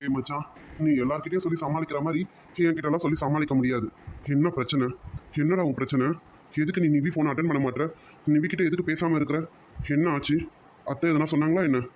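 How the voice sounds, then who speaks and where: A man's voice: fairly high pitch, steady tone, a little mellow, dull audio, slight background noise, natural voice. A man voicing a pushy, worried best friend. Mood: pressing. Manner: insistent, rapid questioning.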